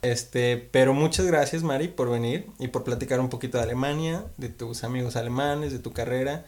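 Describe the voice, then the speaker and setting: A man's voice: medium pitch, brisk, darkish tone. A man hosting a podcast, wrapping up an episode with a friendly tone. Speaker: podcast host. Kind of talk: casual podcast sign-off.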